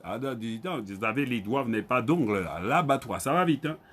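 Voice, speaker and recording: Guadeloupean man slowly drilling Creole words. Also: mid-range voice, expressive, a bit bright, slightly rough. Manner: repeats words slowly, spells them out and calls on students by name. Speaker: Creole language teacher. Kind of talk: online Creole spelling lesson.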